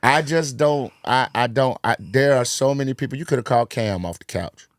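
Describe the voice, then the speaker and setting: A man's voice: mid-range voice, a little fast, dry recording, studio quality. A man co-hosting a casual sports podcast, blunt and sarcastic, swearing and acting out imagined quotes.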